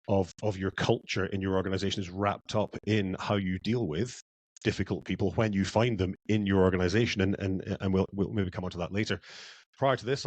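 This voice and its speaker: A man with a lowish voice, speaking as a podcast guest, close and dry on the mic. He talks reflectively, often repeating a word while he finds the next thought. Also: no room sound. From Scotland. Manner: reflective, repeats words as he thinks. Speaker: guest, culture consultant. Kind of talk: podcast interview.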